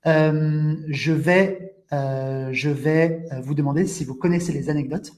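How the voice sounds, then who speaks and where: Mellow-voiced man teaching a live online lesson. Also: a little high, steady tone. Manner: interactive, addresses viewers in the chat; explains slowly with frequent restatements. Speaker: French teacher hosting a webinar.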